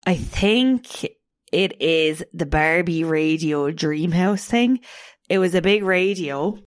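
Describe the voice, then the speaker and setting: A woman's voice: on the low side, animated, takes it slowly, dry recording, clean studio sound. A woman, co-hosting a podcast in casual chat and laughing often. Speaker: podcast co-host.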